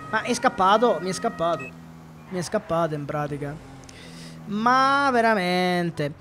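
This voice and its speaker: A man's voice: high-pitched, lively intonation, unhurried, bright, forceful tone, faint music behind. A man from Catania with a Sicilian accent, joking and chatting with viewers while streaming a police game. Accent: Sicilian Italian. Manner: playful, joking, talks to chat. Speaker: gaming streamer. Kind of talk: live gameplay commentary.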